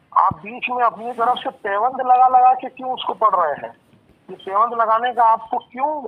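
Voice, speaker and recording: A man with a fairly high voice comes through a thin, tinny phone line. He presses his demands insistently in a religious debate and lays out his rebuttal with pointed, deliberate emphasis. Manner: insistent, interrupts, then argues in a measured way. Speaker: debate opponent on a call.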